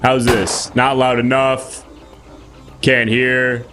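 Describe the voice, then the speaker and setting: A man's voice: mid-range voice, little pitch movement, extremely slow, over music. A man hosting a live improvised comedy stream, teasing in a mock-menacing way and reading out chat. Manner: playful mock-menacing, reads chat aloud. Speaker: host.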